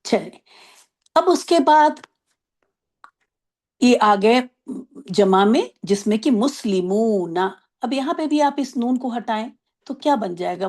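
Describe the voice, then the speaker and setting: A woman teaching an online Arabic grammar class, explaining patiently, asking if everyone follows, and drawing out example words slowly. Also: fairly high pitch, darkish tone. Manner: explains patiently, asks checking questions.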